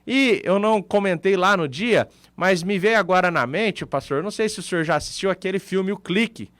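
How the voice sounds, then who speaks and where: A man's voice: high voice, brisk, fairly bright tone, dry recording. A man with a Brazilian Portuguese accent, co-hosting a radio talk show and explaining his points with everyday examples.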